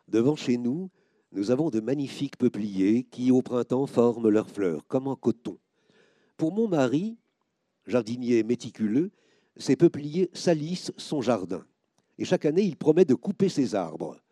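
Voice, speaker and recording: A man reading first-person stories aloud, expressive, lifting his voice sharply when he quotes the people in them. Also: mid-range voice, unhurried, dry recording, studio quality. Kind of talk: scripted narration.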